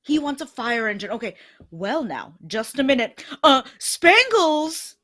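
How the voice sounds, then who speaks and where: A woman's voice: sits high, sing-song, measured pace, fairly bright tone, dry recording, clean studio sound, full character voice. A woman playing a jolly old male Santa Claus taking phone orders, cheerful and chuckling in a live radio-play reading.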